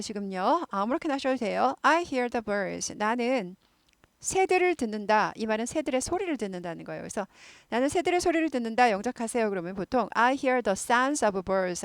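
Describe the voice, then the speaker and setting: A woman with a mid-range voice, recorded close and very dry, with no room sound at all. She teaches English grammar in Korean at a patient pace. She slows down to repeat single English words again and again for pronunciation drills. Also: mid-range voice, no echo. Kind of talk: explaining English lessons in Korean.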